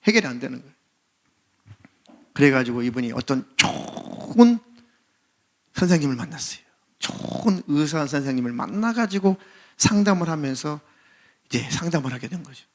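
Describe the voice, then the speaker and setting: A man's voice: on the high side, lively intonation, normal speed, pauses often. A man preaching as senior pastor, telling a story animatedly and acting out its characters. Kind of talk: sermon.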